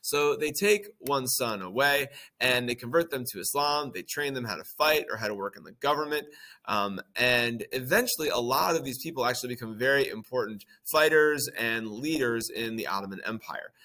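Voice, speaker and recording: Male teacher, bright clear tone, relaxed lecture full of ums and playful asides. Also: medium pitch, normal speed. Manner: conversational, with many ums and playful acted-out quotes. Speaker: history teacher. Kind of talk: casual lecture.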